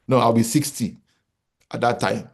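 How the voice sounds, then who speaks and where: Speaking at an unhurried pace, this medium-pitched man keeps a steady tone. He's a Nigerian real estate company founder in his forties, delivering a motivational business talk in which he repeats his main points and asks the audience rhetorical questions.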